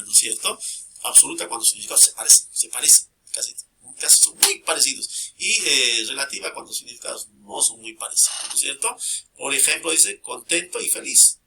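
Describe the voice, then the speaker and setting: A man's voice: medium pitch, bright, forceful tone. A man teaching a grammar lesson, repeating key terms and checking in constantly with short questions to his students.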